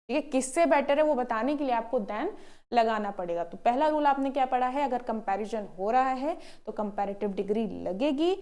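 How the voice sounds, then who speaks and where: A woman's voice: fairly high pitch, dark tone. Patient woman teaching a lesson. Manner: patient, repeats points and asks the class rhetorical questions. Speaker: English teacher for nursing entrance exams. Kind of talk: explanatory online lesson.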